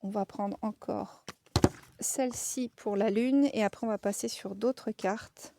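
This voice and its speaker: A woman's voice: mid-range voice, steady tone, measured pace, gravelly, heavy background noise. A woman with a Lorraine French accent giving a casual oracle card reading, chatty and frank, with frequent fillers.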